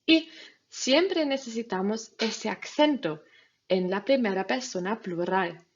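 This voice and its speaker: Slow, husky-voiced woman teaching grammar. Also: mid-range voice, lively intonation, muffled recording. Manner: patient, step-by-step instructions to students. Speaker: Spanish teacher. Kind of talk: recorded grammar lesson.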